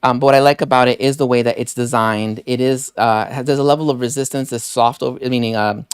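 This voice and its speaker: A man's voice: mid-range voice, fairly even intonation, quick pace, smooth, dry recording, clean studio sound. A man hosting a live deals stream, chatting casually and rambling with many fillers while thanking viewers by name. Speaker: livestream deals host.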